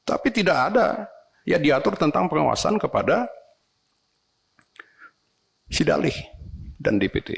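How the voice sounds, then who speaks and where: A man, a legislator, making animated, complaining remarks to election officials at a parliamentary hearing, often ending phrases with a respectful "sir". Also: a little high, unhurried, creaky, pauses often, slightly rough.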